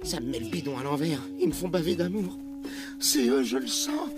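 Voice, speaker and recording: A woman voicing a dramatic, anxious boy raised by trolls, who frets and bursts into panicky yelling. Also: sits low, moderate pace, natural voice. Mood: worried. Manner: fretful, swings to panicky yelling. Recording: loud cartoon music underneath.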